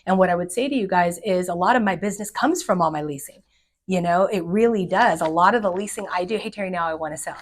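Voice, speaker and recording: A middle-aged woman, a commercial real estate agent, giving direct and energetic advice to fellow agents. She often acts out the people she quotes. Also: lowish voice, quick pace.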